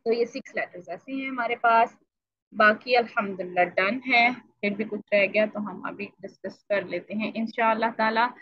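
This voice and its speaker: A woman teaching Quran recitation in an online lesson, explaining patiently and repeating syllables to demonstrate, clearing her throat now and then. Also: on the high side, normal speed, no room sound. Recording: dull lo-fi dry audio.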